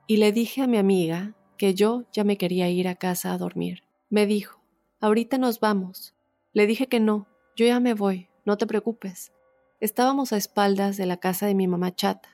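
A woman podcast host calmly reading a listener's paranormal story aloud and then commenting on it. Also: mid-range voice, no echo.

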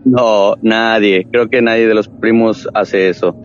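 A man's voice: lowish voice, measured pace, dull audio, a little hiss or hum. Man telling a spooky family story. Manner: animated retelling with quoted voices. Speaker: guest telling a true paranormal story. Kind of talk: casual storytelling.

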